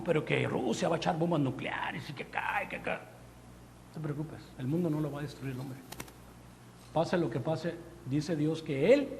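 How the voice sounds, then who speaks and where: Male preacher, high-pitched, animated storytelling sermon, echoing church hall. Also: slight background noise. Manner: lively storytelling, acting out quotes, rhetorical questions. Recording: long hall reverb in a church.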